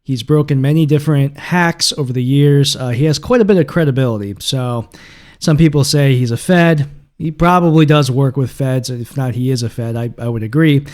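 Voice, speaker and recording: Man, podcast host, casual, rambling, filler-heavy, mid pitch. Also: moderate pace, darkish tone. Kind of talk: casual solo podcast talk.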